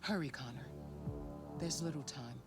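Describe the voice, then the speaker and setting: An actress playing a cool, authoritative handler of an android detective, speaking deliberately over game music. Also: female voice, a bass voice. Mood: commanding. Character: cool commanding artificial handler woman. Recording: game audio with music behind.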